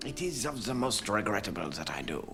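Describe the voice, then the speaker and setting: An actor playing a pompous, smug French detective with a thick French accent, in a comedy sketch. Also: male voice, lowish voice, very animated, brisk, vocal fry, music in the background. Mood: grave.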